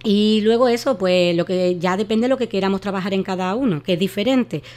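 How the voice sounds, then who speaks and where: A woman's voice: mid-range voice, a little fast, a little mellow. A woman giving voice care advice in a radio interview, explaining with many fillers and restarts. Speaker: voice therapist guest.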